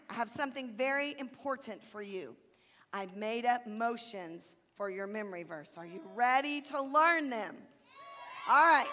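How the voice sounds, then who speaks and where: Woman children's ministry leader, high bright register, warm teacherly encouragement, in a long-echo church hall. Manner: encouraging, teacherly, slow deliberate recitation. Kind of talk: leading children in a memory verse with motions. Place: church sanctuary stage.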